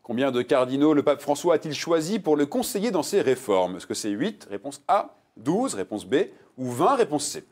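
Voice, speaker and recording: A man's voice: medium pitch, moderate pace, hardly any pauses. A man hosting a television quiz show, reading multiple-choice questions and joking with contestants. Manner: playful, jokey, reads multiple-choice answers with lively emphasis.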